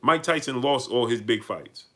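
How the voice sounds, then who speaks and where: This livestream host, a man with a New York accent, greets viewers and responds to their messages while reading super chats. His medium-pitched voice is bright and forceful at a normal speed, and he drives points home by repeating lines. He rises to loud, heated peaks.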